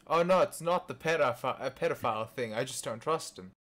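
A young man who makes gaming videos chats casually with a friend over a voice call while a game loads. His mid-range voice is brisk and a bit bright, and he jokes and muses in a mock-dramatic way.

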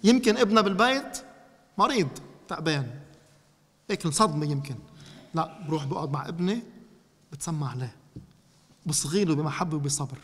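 A man preaching in a Lebanese Arabic accent, teaching a congregation and speaking to them directly with animated energy. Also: on the high side, a little fast, pauses often, long reverb tail. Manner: animated, addresses listeners directly.

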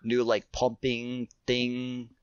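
A young man appears as a podcast guest, a thru-hiker casually chatting about hiking in an interview, full of fillers and restarts. His medium-pitched voice is monotone and very slow, with a clean tone. The remote audio sounds dry, dull, and lo-fi.

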